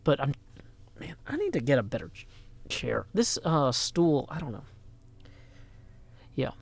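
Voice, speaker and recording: Gravelly and unhurried, this mid-range male voice swoops wildly in pitch. The speaker, a slightly tired middle-aged man from Nashville, Tennessee, chats playfully on a live stream with rhyming asides and long lists of greetings, using a microphone on a stand.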